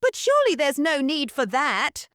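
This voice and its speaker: A woman doing a smooth sinister lord. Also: high-pitched, very animated, normal speed, fairly bright tone, no echo, studio quality, voice pushed up. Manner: smooth, purring, menacing politeness. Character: sinister smooth-talking male aristocrat guest.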